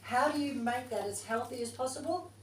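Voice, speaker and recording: Her voice is high and her pace brisk as she reads to her yoga teacher trainees, musing aloud in a chatty, informal way. The casual class talk was picked up from afar in an echoey room, with slight background noise.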